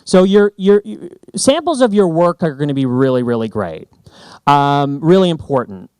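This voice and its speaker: A man giving a lively, joking presentation on stage. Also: a little high, normal speed, smooth, no echo. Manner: animated, joking, emphatic. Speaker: branding speaker. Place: conference stage.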